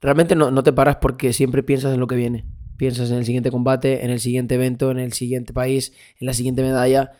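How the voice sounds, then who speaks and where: A young man from Spain, a boxer guesting on a podcast, telling stories in an animated, casual way and acting out quoted voices. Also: mid-range voice, a little fast. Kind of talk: casual interview chat.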